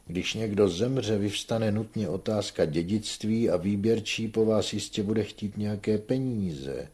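A man's voice: fairly low pitch, a little mellow, husky, voice pushed up. A man voicing a shrewd, authoritative old peasant with a familiar, persuasive manner, in a read storybook.

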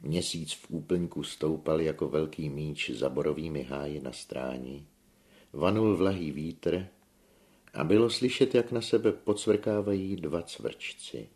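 Man, audiobook narrator, extremely deep voice, vocal fry, steady novel reading.

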